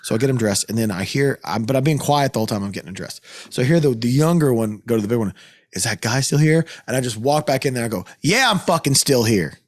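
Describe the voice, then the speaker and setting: A man's voice: mid-range voice, fast talker. A man, a podcast host, telling a story in a casual chat, swearing often and raising his voice when worked up. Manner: animated, profane, voice climbs when worked up.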